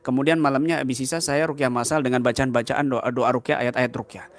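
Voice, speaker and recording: A man, an Islamic teacher, giving a sermon as a lively story and acting out the dialogue. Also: medium pitch, quick pace. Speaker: kiai, Islamic teacher and healer.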